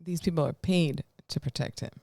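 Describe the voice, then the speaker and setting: A man's voice: a little high, brisk, vocal fry, mellow, dry recording, studio quality. A man chatting casually as a co-commentator, giving terse, blunt and firm opinions. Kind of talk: casual chat.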